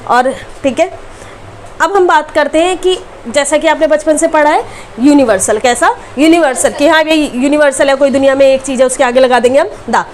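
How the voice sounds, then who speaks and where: Woman, high voice, grammar teacher, quizzing students, faint background noise. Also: moderate pace. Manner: repeats key words as quiz questions to students. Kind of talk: classroom grammar lesson.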